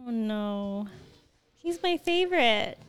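A woman with an Australian accent joins a podcast as a quiz guest, playful and quick to giggle. Her voice sits a little higher than most women's. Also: expressive, clear, resonant tone. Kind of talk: casual chat.

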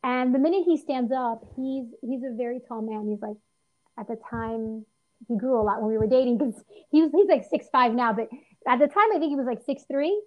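Female interview guest, earnest, animated storyteller, restarts often; slightly dull lo-fi recording. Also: on the high side, brisk. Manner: earnest, lively, frequent restarts and fillers. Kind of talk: personal storytelling in conversation.

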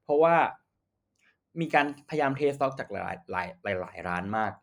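A man's voice: low-pitched, lively intonation, a little fast. A young man hosting a casual solo podcast, giving slangy, emphatic buying advice and correcting himself as he goes. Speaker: podcast host. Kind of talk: casual tech advice rant.

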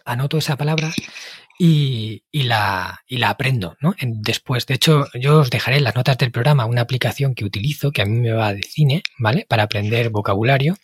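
A man's voice: mid-range voice, fairly quick, slightly rough, no echo. A man hosting a podcast interview, explaining ideas in a chatty, thinking-aloud way. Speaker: podcast host.

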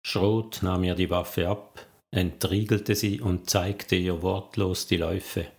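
A man narrating a crime novel in a steady, measured storytelling manner. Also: deep voice. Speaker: audiobook narrator.

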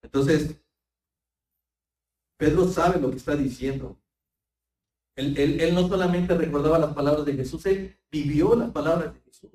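A man's voice: sits high, a little mellow. A man preaching a fervent sermon, often repeating words and calling the congregation brethren. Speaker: pastor. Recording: roomy sound, voice far from the mic.

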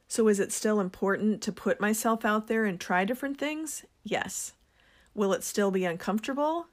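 A woman speaking slowly and with care, in an unhurried, earnest tone. She runs a small business and talks openly about sharing what she makes. Her pitch sits in a middle range. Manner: slow, gentle and earnest; introverted. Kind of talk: reflective personal talk.

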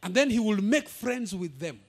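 Male pastor, very high voice, lively swooping delivery, emphatic sermon with shouted peaks. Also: moderate pace. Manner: emphatic preaching, rising to shouts, drops into Swahili asides.

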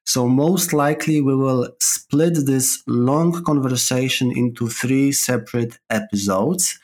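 A Polish man with a Polish accent joins a podcast by remote call as a guest, explaining his views with examples in a casual interview chat. His voice is medium-pitched and darkish, and he speaks unhurriedly.

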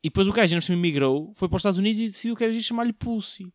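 A young man from Portugal, hosting his own comedy show, rattles off a slangy, jokey monologue very fast in a high voice, regularly quizzing his listeners. The sound is studio quality, with no echo.

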